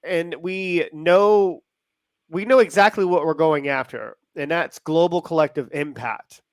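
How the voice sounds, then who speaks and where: A man with an American accent co-hosting a live show in casual, excitable, rambling talk that often interrupts itself. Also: a little high, a little slow, dry recording. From United States. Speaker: show co-host.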